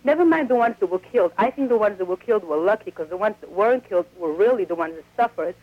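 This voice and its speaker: A woman's voice: mid-range voice, expressive, fast. A woman calling in to a talk radio show over the telephone, upset and insistent, pressing her point in long runs. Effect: heard over a telephone line. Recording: dull lo-fi phone line.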